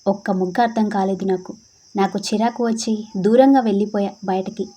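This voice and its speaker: A woman narrating a dramatic story in a lively, expressive way. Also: mid-range voice, normal speed.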